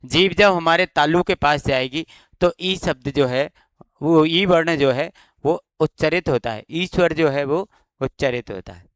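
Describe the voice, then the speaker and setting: A male teacher with a slight Rajasthani Hindi accent walks through an exam-prep grammar lesson, explaining each point and answering his own questions. His voice sits a little high and comes across smooth and resonant. It is recorded dry and close, with no room echo. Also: unhurried, fairly bright tone.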